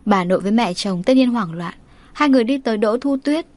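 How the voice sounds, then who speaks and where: A woman narrates a first-person story with a wry, chatty tone. Her voice sits a little high for a woman. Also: lively intonation, fast talker, a little mellow, no echo.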